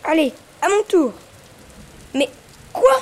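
A woman's voice: high voice, very animated, slow, full character voice. A woman voicing an eager, determined young male eagle in a storybook, spirited and exclaiming. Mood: indignant. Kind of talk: storybook voice acting.

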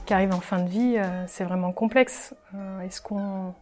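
A woman with a mid-range voice thinks aloud, raising questions and pausing on fillers. Faint music plays quietly behind her. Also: medium pitch, steady tone. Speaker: discussion participant. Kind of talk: casual discussion.

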